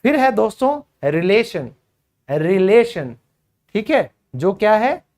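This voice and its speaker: A man teaching spoken English to beginners, repeating each word slowly and calling his learners friends. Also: high-pitched, very animated, a little mellow.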